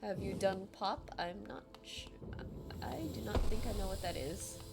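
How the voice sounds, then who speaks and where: A game streamer with a light Filipino accent talks at a moderate pace in a medium-pitched voice with vocal fry. Her live-stream chat while gaming is chatty and self-deprecating, full of laughter and chat messages read aloud, over game music.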